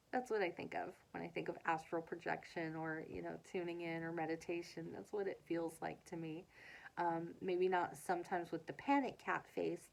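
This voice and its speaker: A woman with a slightly low voice rambles in a casual vlog. She talks loosely, with plenty of fillers and small laughs. She is recorded on a handheld phone in her living room. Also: creaky, low-quality recording. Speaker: vlogger.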